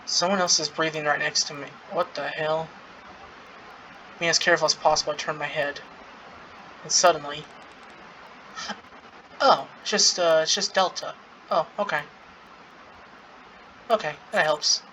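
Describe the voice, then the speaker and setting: Casual gaming playthrough voice, mid-pitched and bright, reading dialogue aloud with amused, giggly reactions. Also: steady tone, a little slow, pauses often, a little hiss or hum, rough recording. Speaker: gaming content creator playing through a story event.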